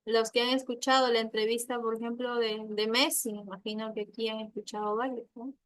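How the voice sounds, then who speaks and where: A woman from Peru with a Peruvian accent teaching an online class, explaining step by step and often checking with quick tag questions. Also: on the high side, flat delivery, no echo. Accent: Peruvian Spanish.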